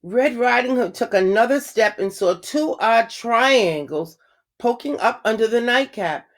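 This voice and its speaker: A woman reading a children's storybook aloud in a clear, measured, expressive way. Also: on the high side.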